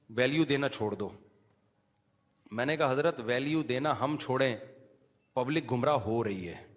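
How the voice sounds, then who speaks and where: A middle-aged man preaching an informal sermon, talking in a conversational way that moves between quiet asides and emphatic teaching. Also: on the high side. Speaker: Islamic preacher. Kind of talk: informal sermon with live audience address.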